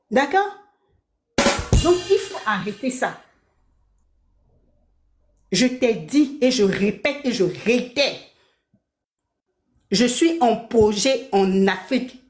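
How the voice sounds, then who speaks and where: A woman with a somewhat high voice delivers an indignant rant on a live stream from her apartment. She repeats herself for emphasis and presses her listener for agreement. The room gives her voice a clear echo. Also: animated, slow, long pauses, darkish tone. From Belgium. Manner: indignant, repeats her points, asks "d'accord?".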